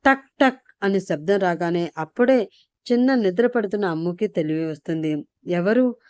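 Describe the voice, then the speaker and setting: A woman storyteller reading a serial story in a steady, dramatic way. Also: on the low side, normal speed, smooth, dry recording.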